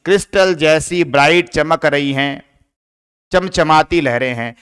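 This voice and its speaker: Man explaining a poem, smooth clear voice. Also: fairly high pitch, unhurried, a bit bright. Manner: explanatory, asks questions and answers them himself. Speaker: English literature teacher.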